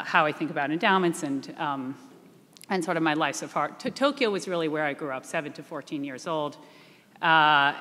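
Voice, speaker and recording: A woman's voice: deep voice, a bit bright. A woman answering as a panelist, poised and upbeat with some restarts. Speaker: chief investment officer. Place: reunion event hall. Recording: echoey hall.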